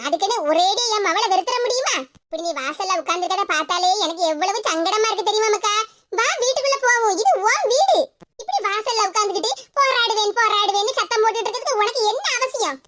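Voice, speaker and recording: A woman's voice: very high voice, a bit bright. A woman voicing an older cartoon grandmother who scolds her daughter and then sweet-talks her. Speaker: mother. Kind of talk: Tamil cartoon voice acting.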